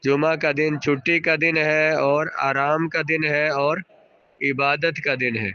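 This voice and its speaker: A man's voice: fairly high pitch, steady tone, bright, forceful tone, clear, resonant tone, dull audio. A male teacher giving a classroom grammar lesson, parsing sentences aloud and patiently quizzing students and repeating their answers.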